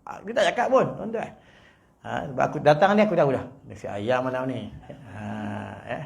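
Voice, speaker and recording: A man with a Malaysian Malay accent giving a humorous religious lecture in a prayer hall, teasing his audience and swinging between loud and soft. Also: mid-range voice, animated, moderate pace, gravelly. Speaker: preacher.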